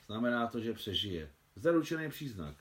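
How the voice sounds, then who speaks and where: A man's voice: mid-range voice, big pitch swings, lightly acted. A man reading the part of a newly married young soldier, curious and lightly teasing.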